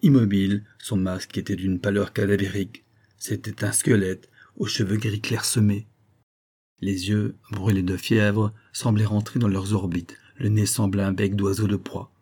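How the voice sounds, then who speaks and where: Male audiobook reader, dark and husky, steady expressive narration. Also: on the low side, normal speed. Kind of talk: scripted narration.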